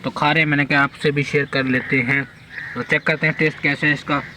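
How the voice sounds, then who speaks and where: A man's voice: fairly high pitch, flat delivery, fast talker, background noise. A man with a Saraiki accent vlogging casually outdoors at a village function, talking straight to his viewers while he films on a handheld phone. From Pakistan. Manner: chatty, addresses viewers directly. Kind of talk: casual vlog narration.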